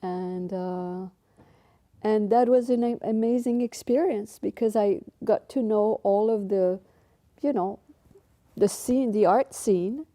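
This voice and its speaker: Slow, halting woman with a very dark voice. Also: medium pitch. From Mexico, raised in Belgium. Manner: unhurried, halting with many fillers and restarts. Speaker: interviewee, painter. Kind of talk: interview recollection.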